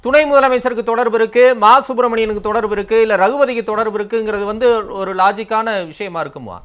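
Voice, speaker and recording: A man's voice: high voice, fast talker, a bit bright. A man moderating a TV debate, challenging a guest with pointed questions. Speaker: TV debate anchor.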